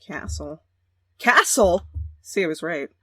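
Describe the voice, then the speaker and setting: A woman's voice: on the low side, normal speed. Slangy young woman reading a game. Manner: slangy, joking. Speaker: let's play host. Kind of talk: game let's play, narration with commentary.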